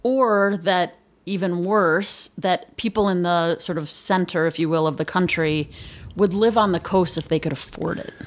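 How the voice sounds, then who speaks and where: A woman's voice: on the low side, normal speed. A businesswoman with a Chicago accent, guest on an interview show, talking in an emphatic, candid, joking way. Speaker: agency chief executive, guest. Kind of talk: conversational interview.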